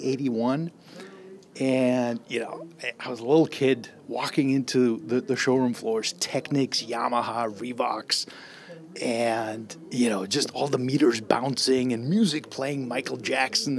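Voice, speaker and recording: A middle-aged man from Austria speaks into a handheld mic held close, in a casual, eager introduction. He rambles, circling back with fillers and repeated starts, at an ordinary middle pitch. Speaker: audio writer and guest. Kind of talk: casual spoken introduction to camera. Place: trade show demo room.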